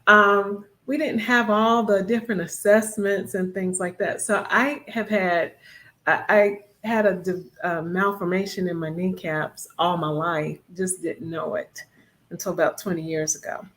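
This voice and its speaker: A woman in her fifties co-hosting a casual talk show, a little out of breath, chatty and quick to laugh. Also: on the low side, fairly even intonation, fairly bright tone. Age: 50s. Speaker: co-host.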